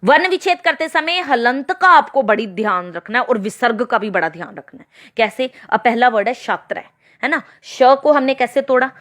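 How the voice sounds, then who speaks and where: A woman with a fairly high, animated, slightly bright voice teaches children a grammar lesson. She spells out letters step by step in slow explanations, often checking their understanding with questions.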